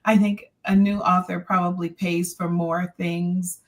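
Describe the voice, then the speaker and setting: A woman joins a casual livestream chat over a video call. She answers in a measured, easygoing way, often with short agreeing replies. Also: fairly low pitch, little pitch movement.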